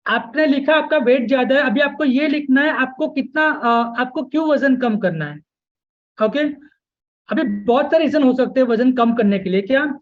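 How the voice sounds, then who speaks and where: In a live online weight-loss webinar, a man with a very high-pitched voice coaches at a moderate pace, sprinkling English into his Hindi. He keeps checking in with listeners, saying "okay?" and "yes" over and over. The audio is muffled.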